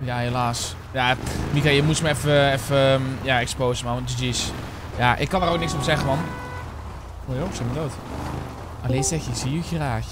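A man's voice: mid-range voice, steady tone, fairly quick, heavy background noise. A young man in his twenties with a Netherlands Dutch accent, chatting casually and swearing as he streams a roleplay game to viewers. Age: 20s. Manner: chatty, slangy, swears often, talks to viewers.

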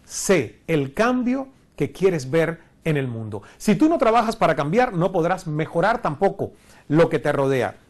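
Standing in front of a screen in a studio, a course instructor from Cuba in his forties delivers an online lecture into a lapel mic. His higher voice is very animated and a little slow, earnest in manner, with rhetorical questions throughout.

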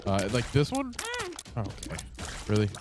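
A man's voice: fairly low pitch, huge pitch swings, a little slow, very noisy. A man with a congested voice giving casual, rambling gameplay commentary at home, swearing often and full of fillers. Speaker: gaming channel host. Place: home setup with monitor.

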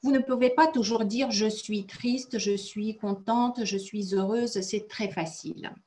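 A woman's voice: medium pitch, steady tone, a little slow, dark tone. A woman teaching French in an online class, praising students often and explaining phrases step by step, with Russian as her native language.

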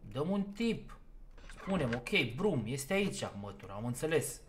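Bright-voiced man narrating a horror game. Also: a little high, sing-song, slight background noise. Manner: talks himself through the game, easily exasperated. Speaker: gaming YouTuber. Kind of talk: let's play commentary.

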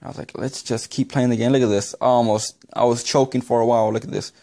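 Excitable young man with a mellow voice. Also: medium pitch, fast talker. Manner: excitable, rambling, repeats himself. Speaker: gaming YouTuber. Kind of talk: gameplay commentary voice-over.

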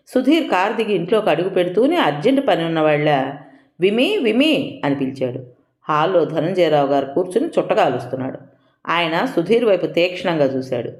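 A woman's voice: lowish voice, darkish tone. A woman narrating a novel as an audiobook, reading expressively. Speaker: storyteller. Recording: echoey room.

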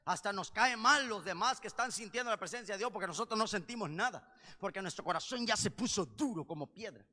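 A man preaching a sermon with passion, swinging between loud cries and low, intense passages. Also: lively intonation, brisk. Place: church. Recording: long reverb of a church hall.

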